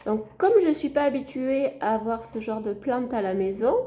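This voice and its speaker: A chatty woman with a slightly high voice talks through a casual home vlog. She points things out to the viewers as she goes, relaxed and conversational, at home by a window. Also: normal speed. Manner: chatty, shows her plants to viewers. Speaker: gardening vlogger.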